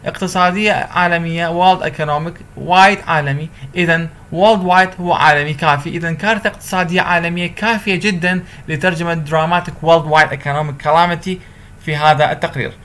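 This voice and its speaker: A man's voice: fairly high pitch, a bit bright. Man lecturing on interpreting. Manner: switches between slow deliberate English and quick Arabic explanation. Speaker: university translation lecturer. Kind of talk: recorded lecture.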